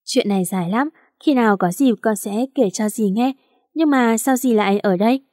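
A woman's voice: on the high side, moderate pace, dark tone, no room sound, clean studio sound, lightly acted. A woman voicing a tearful young woman in a romance audiobook, pleading and questioning. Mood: wistful.

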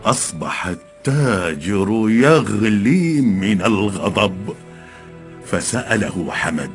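Give me a man with a lowish voice narrating a storybook tale, measured and calm, with music behind. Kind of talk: scripted narration of a folk tale. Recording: background music.

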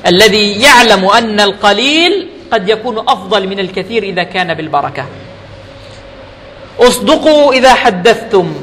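A man's voice: high-pitched, fairly bright tone. A man giving an emphatic Friday sermon in a mosque, mixing formal oratory with colloquial asides. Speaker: preacher. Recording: reverberant mosque hall, faint noise.

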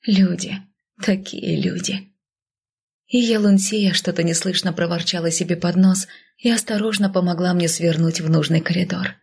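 A woman reading a first-person story aloud as an audiobook narrator, in a soft, often half-whispered way. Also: lowish voice, steady tone, a little fast, husky.

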